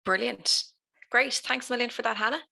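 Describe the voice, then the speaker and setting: A woman's voice: a little high, a little fast, gravelly, pushed and bright. A woman with an Irish accent leading a structured interview as a youth officer.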